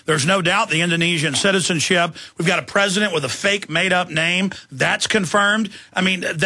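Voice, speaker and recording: A man hosting a talk radio interview, speaking rapidly and emphatically in a combative tone. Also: sits high, pushed and bright, breathy edge, no room sound. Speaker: radio talk show host.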